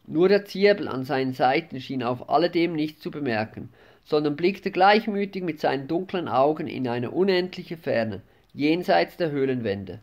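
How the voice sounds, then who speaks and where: A man narrating a fantasy audiobook in a measured, dramatic reading. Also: a little high, expressive. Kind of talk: scripted narration.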